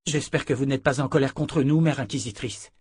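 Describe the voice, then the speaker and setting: A man's voice: mid-range voice, brisk, husky, no echo, studio quality, pitched above the performer's own voice, close to an everyday voice. A man playing an earnest young officer. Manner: earnest, respectful, explaining.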